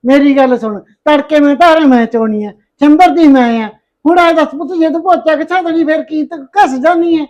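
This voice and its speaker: A woman's voice: on the high side, fast talker, lightly acted. A middle-aged woman, playing a tired, patient mother-in-law in a village family drama. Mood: reproachful. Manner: gentle, weary, calls her "son". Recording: dull lo-fi recording.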